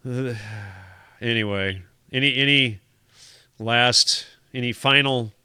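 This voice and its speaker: A man's voice: mid-range voice, slow, sharp tone, clear, resonant tone, no echo, clean studio sound. A man hosting a talk show in casual chat, rambling and repeating words as he asks listeners for donations. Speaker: podcast host.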